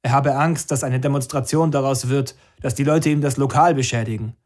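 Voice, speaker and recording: A calm, defiant young band leader, read by a man, speaks in short, matter-of-fact lines. His voice stays close to the reader's own. It is an audiobook dialogue part. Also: mid-range voice, fairly quick, close to an everyday voice. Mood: terse. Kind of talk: audiobook character voice.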